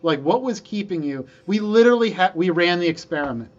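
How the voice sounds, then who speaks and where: A man telling stories from his engineering career in a casual conversation, lively and quick to act out the people he quotes. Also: sits high, muffled recording. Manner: animated storyteller, quick to quote himself and others. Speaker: guest engineer.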